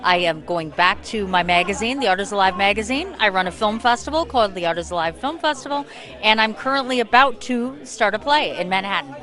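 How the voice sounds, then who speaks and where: A woman's voice: medium pitch, expressive, fairly quick, a bit bright. A woman speaking effusively and conversationally as an interview guest at an arts event. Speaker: radio host and writer, guest. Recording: faint music behind. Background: faint music at an event.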